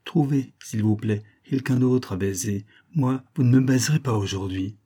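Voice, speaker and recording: A man voicing a small, mocking female titmouse in a storybook reading, with a high, shrill and teasing voice. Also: normal speed, mellow, husky, natural voice.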